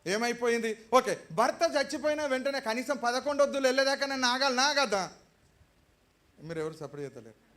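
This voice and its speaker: A man preaching, his voice pitched high and never resting on one tone. He tells the story as though he were in it, slips into the voices of its people and keeps throwing questions back at the congregation. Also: expressive, brisk, a bit bright, soft background music. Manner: dramatic storytelling, acting out characters' voices. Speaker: pastor. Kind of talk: sermon.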